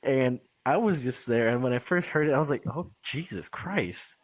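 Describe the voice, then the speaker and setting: A man's voice: mid-range voice, brisk, no room sound, poor audio. Rambling, swearing man telling stories. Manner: rambling, fillers like "right?", swears. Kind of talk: casual storytelling.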